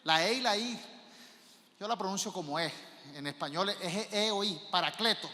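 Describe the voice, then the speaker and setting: A male pastor preaching a sermon in a church, asking the congregation questions and swinging between soft and loud. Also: high-pitched, animated, moderate pace. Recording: reverb of a large church hall.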